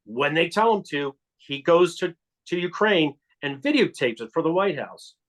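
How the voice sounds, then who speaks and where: A man speaks as an interview guest with a voice pitched a bit above most men's. He builds his account step by step, emphatic and insistent. He often restarts mid-sentence as he goes. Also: animated, moderate pace, fairly bright tone. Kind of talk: explanatory storytelling in an interview.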